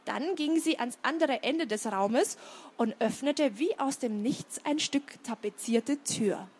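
A woman with a high, bright voice reads a children's story aloud with lively storytelling. Between passages she chats casually to young listeners, full of little fillers. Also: slow, a little hiss or hum. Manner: lively storytelling, chatty asides with many fillers. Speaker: children's book reader. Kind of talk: reading aloud, then explaining to children.

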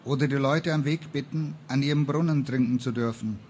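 A man's voice: medium pitch, fairly quick, a little mellow, a little hiss or hum, close to an everyday voice. A man reading the lines of a stern, dutiful young woman, a traveling apothecary in an old tale, in a firm, earnest manner. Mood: matter-of-fact.

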